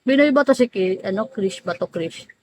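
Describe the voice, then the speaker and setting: Greeting viewers during a casual livestream, a woman teases people by name, elongates the names and laughs often. Her mid-range voice is expressive and a little mellow at normal speed, and the rough recording carries slight background noise.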